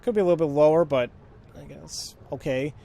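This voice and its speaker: Slightly high and a bit fast, this man's warm voice has some vocal fry as he gives laid-back let's play commentary. He rambles, thinks aloud, jokes at his own expense, and mumbles while reading text.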